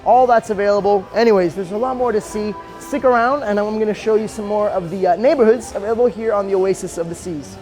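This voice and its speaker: A man's voice: high-pitched, fast, hardly any pauses, music in the background. A man presenting a chatty promotional ship tour as an upbeat, joking cruise director with playful emphasis.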